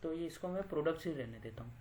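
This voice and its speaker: A man with a fairly high voice walks through a software tutorial, thinking aloud as he clicks. He often pauses with fillers and corrects himself mid-sentence. A faint hiss runs under the recording. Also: lively intonation. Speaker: data analytics tutor.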